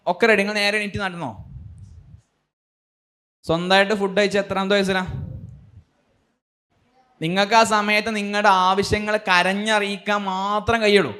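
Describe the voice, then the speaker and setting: A man speaks to a school audience in a fairly high voice. He keeps asking his listeners questions and drives his points home with animated emphasis. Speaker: speaker addressing students. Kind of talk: motivational talk to a school audience.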